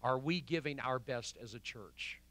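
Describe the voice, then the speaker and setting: A pastor preaching to his congregation. His voice is bright and sits at a middle pitch. He swings between loud, driving emphasis and hushed, almost whispered quotations. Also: normal speed. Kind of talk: sermon. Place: church sanctuary.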